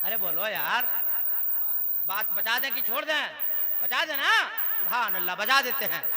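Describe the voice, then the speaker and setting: Fiery high-voiced male preacher. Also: very animated, unhurried, big-room sound. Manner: impassioned, shouting, bantering with the crowd. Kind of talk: sermon.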